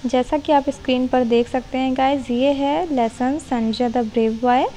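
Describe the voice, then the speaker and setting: A young woman with an Indian accent, explaining a lesson plan step by step and reading the English lines out slowly. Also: high voice, fairly even intonation, warm tone, a little hiss or hum, rough recording. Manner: mixes Hindi and English, reads English lines slowly. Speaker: teacher-training tutor.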